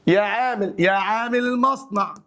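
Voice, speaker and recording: A young adult man with an Egyptian accent teaching an Arabic grammar lesson. He drawls the example phrases slowly and then explains them briskly in colloquial speech. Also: high voice, bright, forceful tone, a little hiss or hum.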